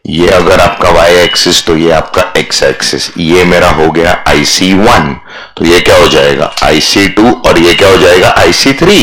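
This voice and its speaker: Man, very low voice, commerce teacher, classroom lecture, repeats phrases for students to echo. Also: moderate pace, fairly bright tone. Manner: drills key phrases in call-and-response, repeating them many times; scolds and calls to students mid-lecture. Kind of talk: classroom lecture in Hindi-English mix.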